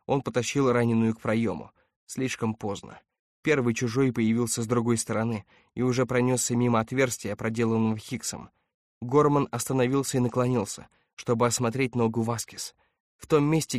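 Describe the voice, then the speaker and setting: A male audiobook narrator reads a scripted text aloud with steady, measured storytelling. His voice is medium-pitched, and the studio recording is clean with no room sound.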